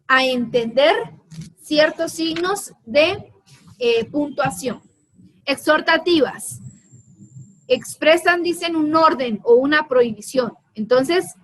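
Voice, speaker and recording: A woman's voice: high voice, fairly bright tone. A woman teacher with a Guatemalan Spanish accent giving a televised lesson, explaining step by step and asking the students rhetorical questions.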